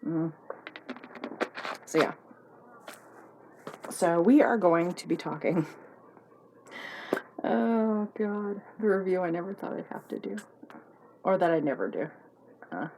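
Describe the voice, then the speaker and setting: A woman's voice: fairly low pitch, animated, takes it slowly, long pauses, background noise. Chatty woman hosting a review vlog. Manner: chatty, rambling, self-mocking. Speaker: vlog host reviewing a TV series. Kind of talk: casual chat.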